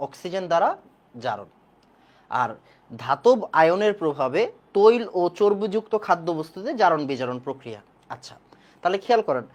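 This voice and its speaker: Repetitive woman chemistry teacher, quizzing. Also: mid-range voice. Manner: repeats key points and quizzes the class. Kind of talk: online class lecture.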